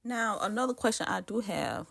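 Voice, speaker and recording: A woman's voice: mid-range voice, expressive, normal speed, creaky, fairly bright tone. A woman with a Southern US accent chatting casually to her viewers while she cooks, with lots of asides. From Southern United States. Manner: chatty, talks straight to viewers with frequent asides. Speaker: cooking vlogger. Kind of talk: casual chat while cooking.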